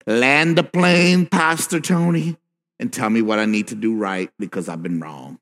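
A man's voice: mid-range voice, normal speed, a bit bright, pitched below the performer's own voice, natural voice. A man voicing an impatient male churchgoer who wants the preacher to wrap up and tell him what to do. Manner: pleading, self-mocking. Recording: long reverb with faint music.

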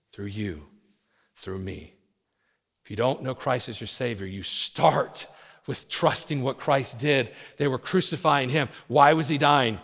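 Pastor guy preaching, kinda high voice, goes loud then real quiet, big echoey church. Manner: swings from loud urgent preaching to low hushed delivery. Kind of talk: sermon. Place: church sanctuary. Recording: long hall reverb.

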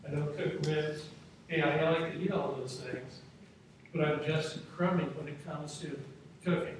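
A middle-aged man preaching a sermon as a pastor in a church auditorium, with an emphatic cadence and slow, deliberate scripture reading. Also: on the high side, fairly even intonation, noisy background. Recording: very echoey hall from far off.

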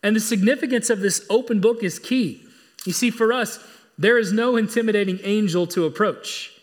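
A man with a high voice delivering a sermon as a pastor. He preaches earnestly and with emphasis, repeating his key points to drive them home. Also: normal speed.

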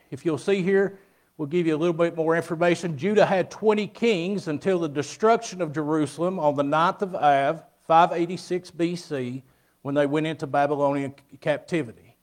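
A man's voice: on the high side, a little mellow. A man giving an informal sermon and Bible lesson at a pulpit microphone in a church sanctuary. He speaks plainly, with many fillers and restarts. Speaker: guest preacher.

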